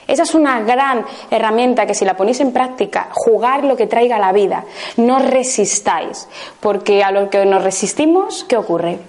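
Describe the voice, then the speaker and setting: A woman's voice: fairly high pitch, animated, moderate pace. A woman from Spain with a Spain Spanish accent, leading a live laughter workshop, coaxing the group with questions and bursts of laughter. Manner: bursts into laughter exercises, loud "ja" calls.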